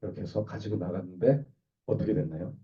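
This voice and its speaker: A hoarse man preaching a sermon as a pastor, talking with the congregation and putting questions to them. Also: low voice, quick pace, recorded from a distance, dull audio. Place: small church hall.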